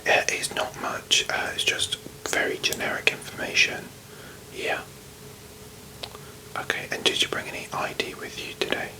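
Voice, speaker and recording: A hushed library whisper with a British accent carries this whispered role-play. A performer plays a strict librarian who is officious and slightly condescending. The words stay breathy and unvoiced, politely businesslike in an ASMR manner. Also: moderate pace, low-quality recording. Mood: officious, brisk.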